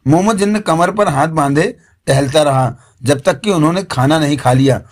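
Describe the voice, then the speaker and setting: A man reading an audiobook in a steady storytelling voice. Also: a little high, normal speed. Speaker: audiobook narrator. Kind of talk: scripted audiobook narration.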